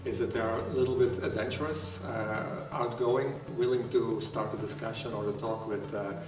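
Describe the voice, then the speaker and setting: A man's voice: medium pitch, steady tone, normal speed. A middle-aged man from Belgium who represents an employers' organization, answering interview questions carefully and hesitantly, with many fillers. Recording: echoey room from far off with music.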